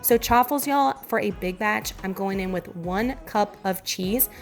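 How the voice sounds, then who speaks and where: Casting: woman, Southern US accent, upbeat home-cooking vlogger, mid-pitched, congested gravelly voice that is giving out. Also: measured pace, soft background music. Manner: chatty, enthusiastic, addresses viewers directly. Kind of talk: casual meal prep voiceover.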